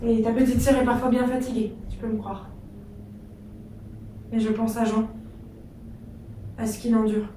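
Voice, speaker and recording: An earnest young wartime factory girl reads her letters in a tender, measured way, as an actress puts her on. Her voice sits fairly high, and it sounds echoey and distant, as if taken from far back in a theatre. A faint hum runs underneath. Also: level tone, mellow, close to an everyday voice. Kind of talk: stage reading of letters. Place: theatre stage.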